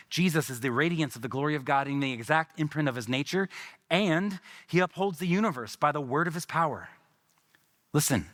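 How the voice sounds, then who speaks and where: Emphatic man preaching a sermon. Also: medium pitch. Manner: emphatic preaching, lively rises and pauses. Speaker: pastor.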